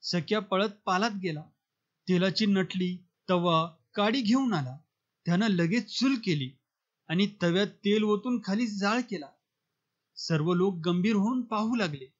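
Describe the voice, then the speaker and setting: Brief: male audiobook narrator, dramatic storytelling, higher voice, lo-fi. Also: unhurried. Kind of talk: audiobook novel reading. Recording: dull lo-fi recording.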